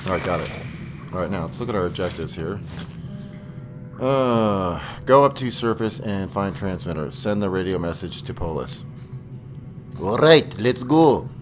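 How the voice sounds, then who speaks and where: A man's voice: deep voice, expressive, a little slow, long pauses. A man giving casual, exclamatory and profane gameplay commentary, often talking to the game characters. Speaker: gaming let's player. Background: video game music and sound effects.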